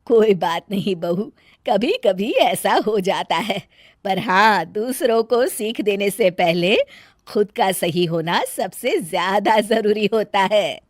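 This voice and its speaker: A wise older mother-in-law, speaking in slow, measured, gentle tones, as a woman plays her. Lower than the other women in the tale yet still lively, recorded dry and close for a storybook drama. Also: no echo. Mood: calm.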